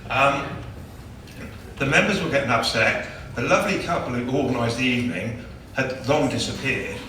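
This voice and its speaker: A man tells a chatty, joking story at a gala dinner. His voice is bright and forceful, heard from a distance. The big hall gives it a strong, roomy echo. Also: medium pitch, normal speed, slight background noise. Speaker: club chairman giving an award speech. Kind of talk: after-dinner presentation speech. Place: large banquet hall. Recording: echoey hall, distant mic.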